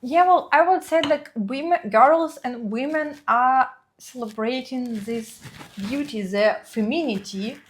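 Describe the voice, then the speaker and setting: A woman with a slightly high voice, co-hosting a casual conversation. She is agreeable, often backs her partner with short replies, and hesitates on fillers when she gives longer answers. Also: unhurried, slight background noise, rough recording. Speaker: co-host.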